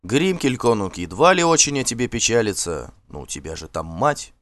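A man reading the lines of a gentle young warrior, kind and softly pleading with a girl he cares for. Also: medium pitch, sing-song, normal speed, dry recording, clean studio sound.

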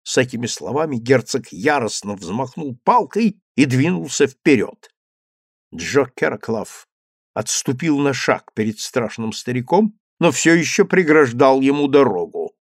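A man narrating an audiobook in an expressive, animated manner. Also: medium pitch, measured pace, no echo, studio quality. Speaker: reader.

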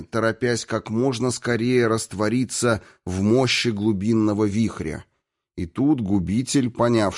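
Man narrating, low-pitched, measured. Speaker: audiobook narrator. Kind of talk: scripted fantasy narration.

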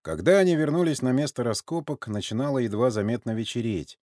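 A man's voice: medium pitch, lively intonation, fairly quick, darkish tone, no echo, clean studio sound. A man reading an audiobook as narrator, telling the story steadily.

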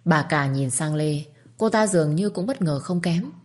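Woman narrator, dramatic storytelling, low and husky. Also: normal speed, darkish tone.

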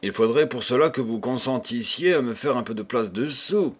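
A man's voice: medium pitch, expressive, moderate pace, husky. A man voicing a shy, lovestruck young suitor. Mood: earnest pleading. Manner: earnest, pleading.

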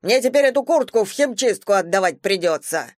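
A woman's voice: mid-range voice, animated, brisk, dry recording, studio quality, voice pushed up, lightly acted. A woman voicing an indignant, squeamish young man in an audiobook. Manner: indignant, fussy.

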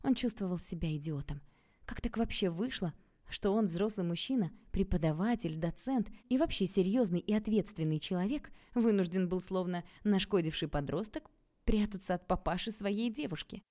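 A woman reading an audiobook aloud in a calm, even storytelling manner. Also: medium pitch, moderate pace. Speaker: audiobook narrator. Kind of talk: scripted narration.

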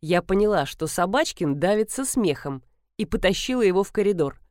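A woman narrating an audiobook with a lively, expressive reading. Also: medium pitch, a little fast, dry recording, clean studio sound. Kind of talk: audiobook narration with character voices.

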